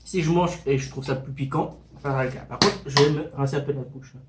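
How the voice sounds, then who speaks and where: A man's voice: medium pitch, a little fast, very noisy. Man chatting through a casual mukbang eating review. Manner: talks between bites while eating spicy noodles. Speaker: food reviewer doing a spicy noodle tasting.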